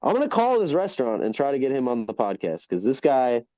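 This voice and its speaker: A man's voice: medium pitch, huge pitch swings, fast, dark tone, dry recording. A man hosting a casual podcast, telling stories in a rambling, profane, emphatic way. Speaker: podcast host.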